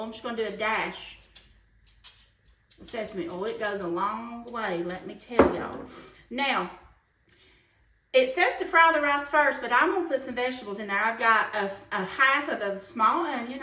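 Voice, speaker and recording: A fairly high-voiced woman talks her viewers through a recipe in a chatty, homey way. She sounds a little away from the mic in a roomy kitchen, with frying and sizzling clearly heard behind her. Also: lively intonation, normal speed, pushed and bright, recorded from a distance, slight background noise. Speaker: cooking show host. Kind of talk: casual cooking demonstration. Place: home kitchen. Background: frying and sizzling pan.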